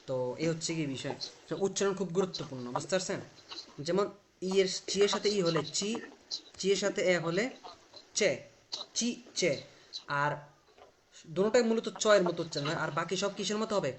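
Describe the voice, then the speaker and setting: A man's voice: high voice, normal speed, long pauses, background noise. Man patiently drilling Italian pronunciation. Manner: explains patiently, drilling pronunciation and asking questions. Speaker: Italian language teacher. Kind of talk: live online class.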